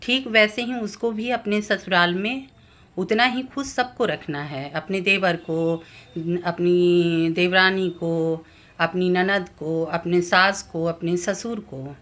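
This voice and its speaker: A woman vlogger giving calm advice on family relationships, speaking gently and explaining each point step by step. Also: fairly low pitch. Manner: slow, gentle and explanatory, lists family members one by one. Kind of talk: calm advice talk to camera.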